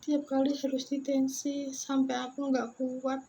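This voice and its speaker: A young woman telling a personal story in a vlog, halting and close to tears, tired, with many restarts. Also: sits high, monotone, dark tone, slight background noise. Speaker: vlogger. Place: isolation ward room.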